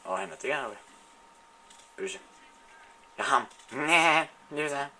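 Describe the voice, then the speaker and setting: An excitable man narrates his shooter match as it happens, swearing and taunting opponents. His voice is bright and sharp, and it swoops up and down constantly. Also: medium pitch, slight background noise. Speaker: gamer playing a shooter. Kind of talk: live gameplay commentary.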